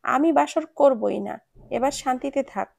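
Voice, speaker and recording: A woman's voice: high-pitched, unhurried, gravelly, darkish tone, exaggerated voice. A woman voicing an irritated, hot-tempered young man who scolds his friend. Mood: annoyed. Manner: annoyed, scolding.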